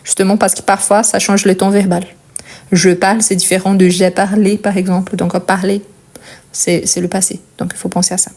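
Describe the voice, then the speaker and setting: A woman's voice: medium pitch, little pitch movement, a little fast, a little mellow. A woman with a Portuguese accent teaching a French conjugation lesson, explaining patiently step by step and checking in often with the learner.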